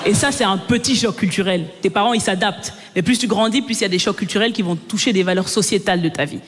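A woman in her twenties from Belgium doing an animated, punchy stand-up routine, talking straight to a live audience on stage. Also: medium pitch, fast. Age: 20s. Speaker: stand-up comedian. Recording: roomy stage hall with crowd and noise.

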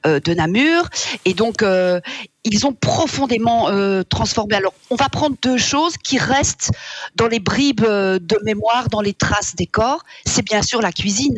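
Woman, radio interview guest, reflective, many fillers, husky voice, dry close sound. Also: mid-range voice, animated, unhurried, no room sound. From Wallonia, Belgium. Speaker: author and guest.

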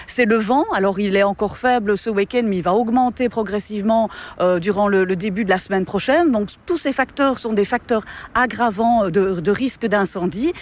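A communications officer, a woman, explaining in a news clip, often repeating words as she searches for them. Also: medium pitch. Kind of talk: radio interview clip.

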